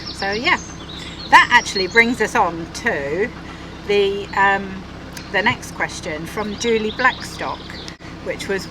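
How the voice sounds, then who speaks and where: A middle-aged woman from Essex with an Essex accent, chatting and laughing easily as she reads out viewer questions. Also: lowish voice. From Essex, England. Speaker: vlog co-host. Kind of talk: casual chat. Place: outdoors on a moving narrowboat. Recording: outdoor noise from boat and traffic.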